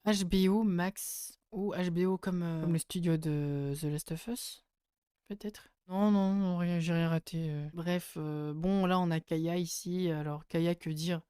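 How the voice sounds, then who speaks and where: A man giving casual spoken commentary as a YouTuber reviewing casting photos, hesitant with many fillers and sudden bursts of excitement. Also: on the high side, a little slow, clean tone, no room sound, clean studio sound.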